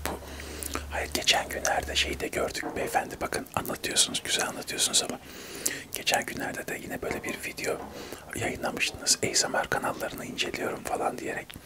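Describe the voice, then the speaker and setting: A man in his thirties doing a whispered role-play of a testy TV debate, arguing insistently in a breathy whisper. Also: fairly quick. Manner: whispering throughout, argumentative, insistent. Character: testy male TV debate guests squabbling in whispers. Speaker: ASMR creator acting out a debate show.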